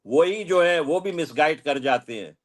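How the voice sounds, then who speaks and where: A man's voice: on the high side, expressive, normal speed. A man giving his views as a guest on a political discussion panel, emphatic and speeding up as he argues. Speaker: guest commentator.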